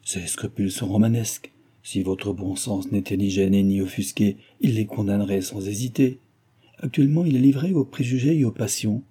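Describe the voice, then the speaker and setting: A man's voice: lowish voice, normal speed, dark tone, slightly rough. A man reading aloud, voicing a grave older family friend who warns and admonishes. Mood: admonishing.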